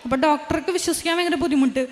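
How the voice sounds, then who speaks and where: Casting: very high-pitched young woman, earnest testimony, echoing hall. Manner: earnest, halting, with restarts and quoted dialogue. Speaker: testimony giver. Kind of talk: giving a spoken religious testimony. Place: large prayer hall. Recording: long hall reverb.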